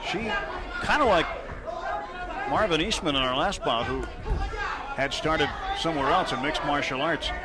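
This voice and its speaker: A man's voice: a little high, animated, normal speed, long pauses. A man giving live play-by-play sports commentary as a boxing broadcaster. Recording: loud crowd and music behind. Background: arena crowd, loud music.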